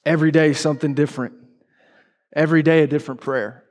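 Emotional preacher sharing a story. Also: male voice, a little high, fairly even intonation, fast, darkish tone. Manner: emotional, candid personal storytelling. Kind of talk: sermon.

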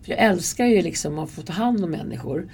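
A woman's voice: fairly low pitch, lively intonation, darkish tone, breathy edge. A woman, a guest in an interview, telling stories in a candid, earnest way and acting out quoted dialogue. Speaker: interview guest, subway security worker. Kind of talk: casual conversational storytelling.

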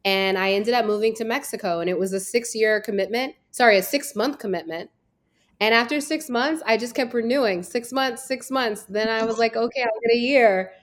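A woman's voice: on the high side, fairly quick. An American woman from Virginia, a travel business founder, talking as a guest in an interview in a chatty, storytelling way. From Virginia, USA. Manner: chatty, storytelling, frequent "like" fillers. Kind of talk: casual interview talk.

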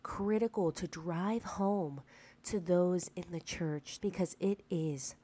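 A woman hosts a preaching-style podcast, earnest and emphatic, sounding a little sick and checking in with the listener through rhetorical asides. Her voice is on the low side, slow and dark.

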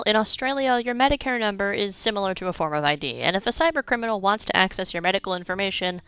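A young American woman hosts a podcast, reading a script in a slightly congested voice from a cold and slipping in wry asides. Her pitch is medium and her tone fairly bright and clean, though the sound is lo-fi.

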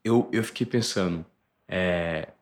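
A man hosting a podcast, telling a personal story with animated emphasis. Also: low-pitched, takes it slowly, slight background noise. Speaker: podcast host. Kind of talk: podcast conversation. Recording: roomy echo.

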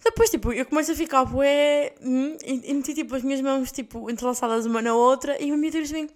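A woman's voice: high voice, quick pace. A young adult woman with a European Portuguese accent, hosting a podcast and telling a story in casual chat, laughing often and swearing freely in slangy speech. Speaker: podcast host.

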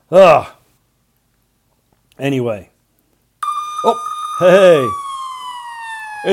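A middle-aged male teacher recording class announcements for his students' podcast, talking in clipped short phrases with earnest reminders. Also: medium pitch.

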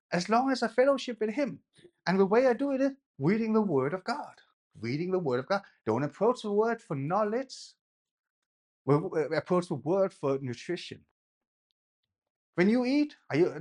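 A high-voiced Danish man delivers a casual sermon, chatting along with restarts and repeated words and breaking into emphatic bursts whenever he pushes a point.

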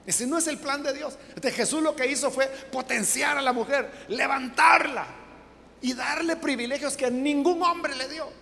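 A woman's voice: high-pitched, normal speed, vocal fry, few pauses, a bit bright. A woman preaching a sermon. She speaks emphatically and keeps asking rhetorical questions. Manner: emphatic, rhetorical questions, acts out quoted voices. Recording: long hall reverb, faint background noise.

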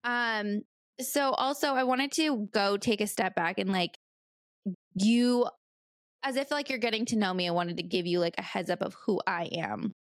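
A woman's voice: mid-range voice, normal speed, no room sound, studio quality. A woman in her late thirties from California, hosting her own podcast in a rambling, chatty way with plenty of fillers. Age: 30s. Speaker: podcast host. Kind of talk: casual solo podcast chat.

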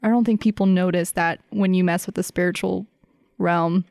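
A woman's voice: on the low side, steady tone, normal speed, darkish tone, no echo, clean studio sound. Chatty sincere woman guest. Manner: chatty, sincere, says "like" a lot. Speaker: podcast guest. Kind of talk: casual faith podcast chat.

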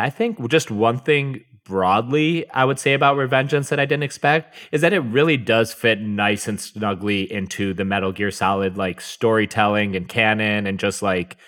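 A man's voice: fairly low pitch, a bit bright. A man hosting a podcast, talking through a video game story and what he makes of it. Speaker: podcast host. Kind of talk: casual analysis and scripted recap of a game.

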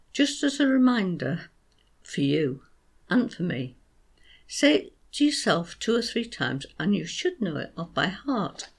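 A podcast host teaching how to write story poems, explaining slowly and reading lines aloud with a sing-song beat. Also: medium pitch. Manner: slow, sing-song rhythmic reading, tapping out beats.

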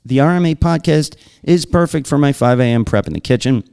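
A man with a Long Island accent hosts a podcast in casual, chatty talk. He reads listener mail aloud in a smooth, resonant voice, laughing often and stopping for little asides. His pitch sits in the middle. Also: animated, fairly quick, darkish tone. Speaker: podcast host.

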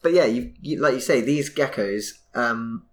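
A man's voice: mid-range voice, unhurried. A man co-hosting a podcast in casual chat, explaining details and reading out paper information. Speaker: podcast co-host.

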